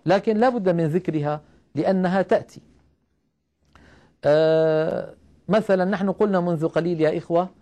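A man with a slightly high voice teaches recitation rules in a patient, methodical way. He breaks each rule into small steps, checks that his listeners follow him, and slows right down to recite the example verses. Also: a little mellow. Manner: explains step by step, asks questions of the listeners, recites verses slowly. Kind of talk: recorded tajweed lesson.

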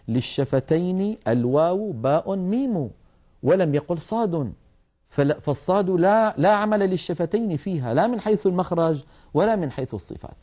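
Male tajweed teacher, warm mellow voice, patient explanatory delivery. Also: fairly high pitch. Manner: measured, demonstrates sounds slowly. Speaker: Quran recitation teacher. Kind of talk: explanatory lesson on letter pronunciation.

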